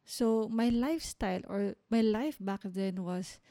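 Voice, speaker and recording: A young woman hosts her own podcast and talks to listeners in a chatty, upbeat way. Her voice sits in a middle pitch and has a mellow, warm tone. The recording is dry and close to the mic. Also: a little slow, no echo. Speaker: podcast host. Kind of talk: solo podcast talk. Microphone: home podcast mic.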